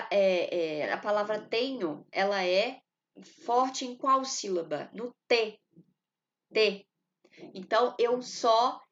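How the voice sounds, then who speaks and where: A woman's voice: fairly high pitch, lo-fi sound. A woman teacher explaining poetry meter to her students, talking them through step by step with frequent fillers. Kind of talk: recorded class lesson.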